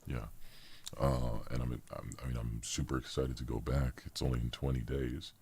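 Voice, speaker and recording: A man hosting a casual podcast chat, his voice run through a voice changer that shifts it very deep. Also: moderate pace, vocal fry, breathy edge, no echo. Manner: relaxed, slangy, swears when flustered. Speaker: podcast host.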